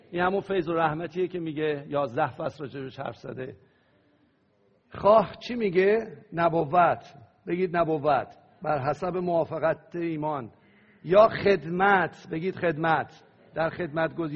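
A pastor preaching a sermon, praying aloud and leading the congregation in call-and-response. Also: male voice, a little high, slightly rough. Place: church hall. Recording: dull lo-fi sound with long hall reverb.

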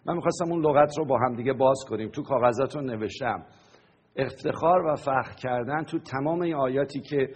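A man's voice: mid-range voice, breathy edge. A man preaching a sermon to a congregation, teaching and often asking them questions. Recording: long hall reverb.

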